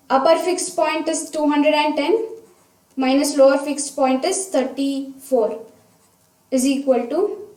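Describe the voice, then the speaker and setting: A science teacher with a high, mellow voice works through a problem step by step, methodically talking each stage aloud. The room echoes noticeably and the microphone sits at a distance.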